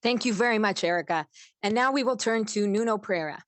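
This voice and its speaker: A woman's voice: mid-range voice, fast talker, no echo. Woman host with a dry close sound. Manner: earnest, many fillers between phrases. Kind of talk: introducing speakers at a press conference.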